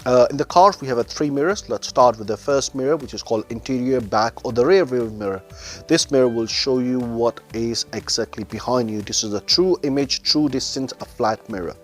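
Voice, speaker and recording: A man's voice: mid-range voice, a little fast, faint music behind. A man speaking as a driving instructor, giving methodical, formal step-by-step instructions to learner drivers in non-native English phrasing.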